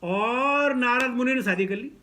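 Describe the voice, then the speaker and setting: A man preaching scripture in an animated storytelling sermon, often chuckling and mixing in English words. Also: very high-pitched, measured pace.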